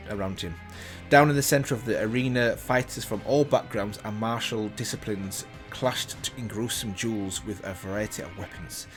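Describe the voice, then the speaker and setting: A man with a fairly low-pitched voice hosts a reaction video, reading a story aloud casually and commenting as he goes, stumbling and correcting himself along the way.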